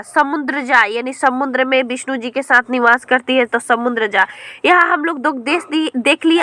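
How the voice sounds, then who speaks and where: A woman runs an exam-prep grammar lesson, patiently spelling out words and checking in with her students as she goes. Her voice sits high and sounds bright and clear. The recording is dry, with no room echo. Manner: addresses listeners as friends, checks in with "theek hai". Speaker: Hindi grammar teacher.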